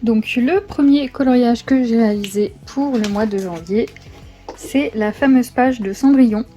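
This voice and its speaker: A woman chatting casually as she shows her finished coloring pages, with lots of filler pauses. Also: a little high, dark tone, muffled recording, soft background music. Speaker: coloring channel host. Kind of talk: casual show-and-tell narration.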